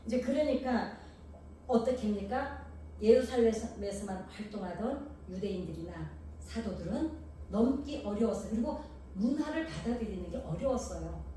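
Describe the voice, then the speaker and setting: Preaching at a moderate pace, this middle-aged Korean woman speaks in a medium-pitched, expressive, dark-toned voice with a Jeolla-tinged accent, though she's from Gangwon Province. She questions the congregation rhetorically and shares homely anecdotes; the far-off, echoey hall recording has slight background noise.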